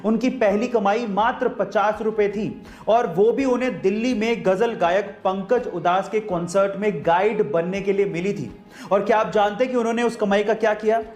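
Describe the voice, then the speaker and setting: A man hosting a facts video, who poses questions to viewers and then answers them. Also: high-pitched. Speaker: host of a facts channel. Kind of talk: scripted facts narration. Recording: echoey room with faint music.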